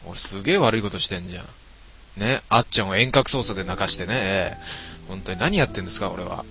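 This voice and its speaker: A man's voice: sits low, fast, vocal fry, sharp tone, faint music behind. A man casually reading viewer comments aloud and joking at his own expense. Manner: self-mocking, muttering asides. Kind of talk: casual chat.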